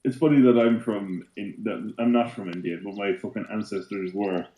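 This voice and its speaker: A man's voice: fairly low pitch, fairly even intonation, moderate pace, mellow. A young man in casual podcast chat, swearing a lot and goofing around. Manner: swearing, goofy, puts on silly voices. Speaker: podcast co-host. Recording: echoey room.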